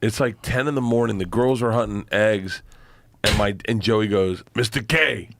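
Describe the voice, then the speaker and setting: A man telling an excited family anecdote as a podcast guest. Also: fairly low pitch, normal speed. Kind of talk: casual storytelling.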